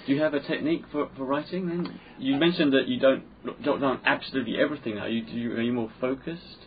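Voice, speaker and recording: A man hosting a casual podcast interview, asking questions and throwing in quick quips. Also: medium pitch, fairly even intonation. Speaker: podcast host. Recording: muffled lo-fi with faint hiss.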